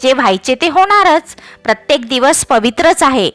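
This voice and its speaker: A woman's voice: high-pitched, expressive, moderate pace, fairly bright tone, dry recording. A woman voicing a stubborn, fearless village landlord. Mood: dismissive. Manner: brushing off warnings, then pleading.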